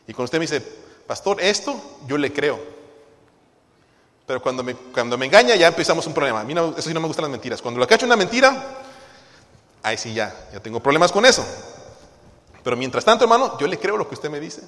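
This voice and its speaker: Pastor guy preaching hard, keeps asking the congregation stuff, kinda high voice, big echoey church. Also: sing-song, fairly quick, pauses often, a bit bright. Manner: emphatic, questioning the congregation. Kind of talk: sermon. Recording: long reverb of a church hall.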